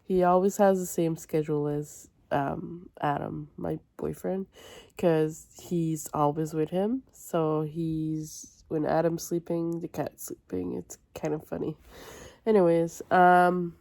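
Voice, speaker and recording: Female vlogger, low gravelly fry, congested and run-down, casual chat, close dry sound. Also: fairly even intonation, takes it slowly, mellow, dry recording. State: sick with a cold and stuffy nose. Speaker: book vlogger. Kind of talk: casual chatty vlog to camera.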